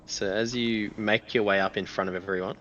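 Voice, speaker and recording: Male game master, bright forceful low voice, improvised, halting scene narration. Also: fairly even intonation, muffled recording, slight background noise. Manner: halting, repeats phrases while describing scenes.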